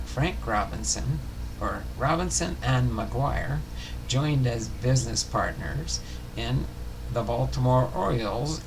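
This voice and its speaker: The host of a baseball history series, a man with a creaky, medium-pitched voice, works through a biography aloud in a halting manner, stumbling and rereading words. Background noise is audible.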